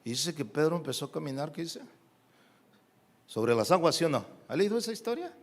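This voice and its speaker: A man with a Mexican Spanish accent preaching a sermon as a pastor, animated and full of rhetorical questions to the congregation. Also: fairly high pitch, brisk. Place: church.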